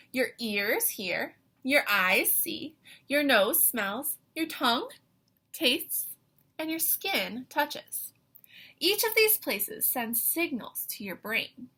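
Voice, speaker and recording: With a breathy, slightly high voice, a woman reads a picture book aloud to young children. She's like an excited teacher, full of animated wonder and sprinkling in questions and asides.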